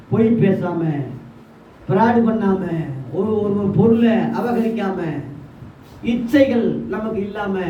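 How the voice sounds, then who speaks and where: High-voiced man preaching in an echoey hall. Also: dark tone, slight background noise. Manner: preaching with call-and-response, acting out Jesus' questions. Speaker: pastor. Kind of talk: sermon. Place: church hall. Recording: far-off echoey hall, dull sound.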